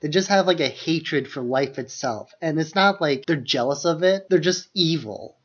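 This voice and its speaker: A podcast co-host chats loosely about films, leaning heavily on "like." His voice is fairly high, animated, a bit bright and husky, at normal speed, captured through a dull lo-fi microphone.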